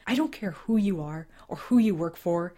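Woman voicing a raging, shouting older father. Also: on the low side, animated, moderate pace. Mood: angry. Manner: loud, raised, strained and demanding.

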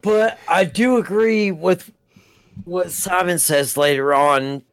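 This podcast co-host speaks slowly in a high voice with no echo. Chatting casually about a TV episode, he rambles, restarts his sentences, and swears from time to time.

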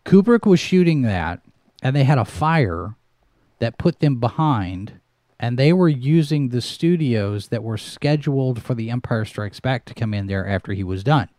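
A middle-aged man chats his way through a livestream with a mellow, warm tone. He rambles and restarts often, recorded dry and close on a headset mic. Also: mid-range voice, lively intonation, normal speed, no echo. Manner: rambling, with frequent restarts and fillers. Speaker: livestream host. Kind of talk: casual livestream chat. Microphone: headset microphone with headphones.

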